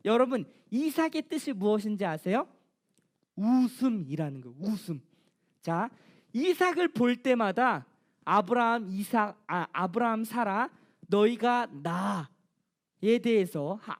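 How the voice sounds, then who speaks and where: A high-pitched woman gives a children's sermon, asking the children questions and answering them. Her delivery is animated, and her voice rises and falls as she tells the story. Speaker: children's pastor.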